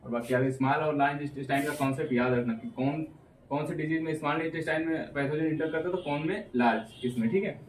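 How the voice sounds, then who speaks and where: Guy teaching biology for exams, keeps saying "theek hai", sounds far from the mic in an echoey room. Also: a little high. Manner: repeats "theek hai" constantly, drills key terms; reads English textbook phrases slowly, word by word. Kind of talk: exam-prep lecture. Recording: roomy, from off the mic, faint room hum.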